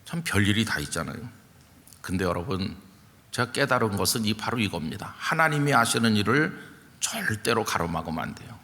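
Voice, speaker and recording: A man's voice: lowish voice, expressive, a little fast, pushed and bright. A male senior pastor preaching a sermon in a conversational, storytelling way. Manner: conversational storytelling with acted quotes. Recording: long reverb from a large hall.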